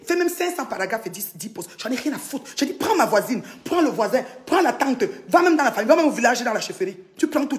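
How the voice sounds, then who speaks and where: In an angry social media rant, a woman from Cameroon scolds and mocks, her voice shifting from loud outbursts to low mutters.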